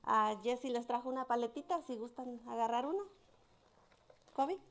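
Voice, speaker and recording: Woman, gravelly, slightly high voice, children's Bible story at church, gentle and halting. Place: church sanctuary.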